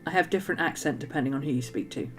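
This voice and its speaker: Low-voiced and racing along, a middle-aged English woman from the West Country chats while she crafts. Her accent is a mix of West Country and Manchester; she's a bubbly journaling streamer full of ums and laughs, and faint music plays in the background.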